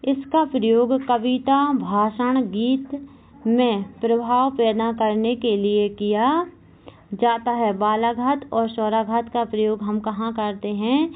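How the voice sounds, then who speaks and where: A woman teaching a Hindi grammar class for exam candidates, slowly repeating each point and asking questions that she answers herself. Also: a little high, steady tone, phone-quality sound. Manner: slow and repetitive, asks questions and answers them herself; keeps saying "okay, remember this". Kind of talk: exam-prep class lecture.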